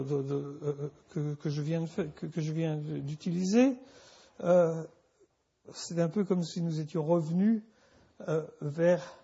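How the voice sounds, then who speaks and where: Guy lecturing slow and halting, lots of restarts, gravelly dark voice, dull lo-fi recording. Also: fairly high pitch. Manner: halting, many restarts and repeated words. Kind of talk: university lecture.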